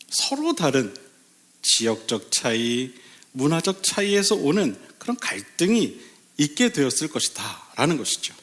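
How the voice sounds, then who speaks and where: In a church sanctuary, a male pastor delivers a lively Sunday sermon, putting rhetorical questions to the congregation. He lifts his pitch suddenly to stress key phrases and slows down on them.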